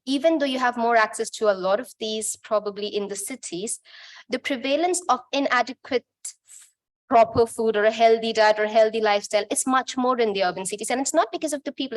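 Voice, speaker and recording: A woman from Bangladesh gives a conference presentation in a relaxed, talkative way. She corrects herself as she goes and jokes with the audience, in a voice set a little high. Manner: informal, chatty, self-correcting.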